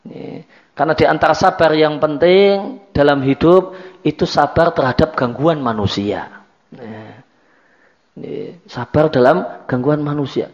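An Islamic teacher, male, lectures on religious study in a casual, repetitive, conversational style, dropping in Javanese words. His voice is on the high side, measured in pace, with long pauses. The lecture is recorded dull and lo-fi.

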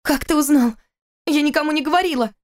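A woman reading an audiobook voices a young pregnant wife who answers in high, agitated, insistent lines. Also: fast talker, darkish tone, natural voice. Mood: upset.

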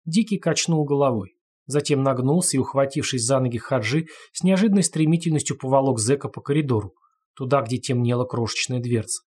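A man reads a crime novel aloud as its narrator, keeping an even storytelling pace. His voice is husky and slightly breathy, sitting in a middle register. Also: medium pitch, a little fast. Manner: steady storytelling. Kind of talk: audiobook narration.

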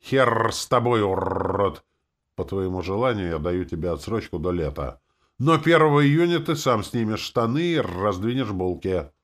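A man voicing a crude, vicious female demoness who taunts and threatens in a mocking, shrill tone for an audiobook. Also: lively intonation, moderate pace. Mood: furious. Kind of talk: audiobook character voice.

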